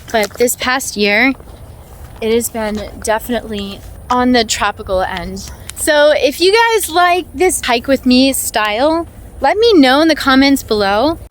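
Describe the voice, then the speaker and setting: On a hiking trail, a higher-voiced American woman hosts her vlog, chatting casually to camera as she walks. She's informal and chatty, with little chuckles, and outdoor ambient noise surrounds her.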